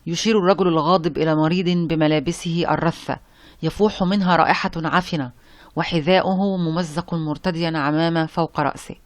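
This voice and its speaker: A narrator giving a measured, formal reading of a novel. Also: medium pitch, fairly even intonation, no room sound. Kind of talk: scripted audiobook narration.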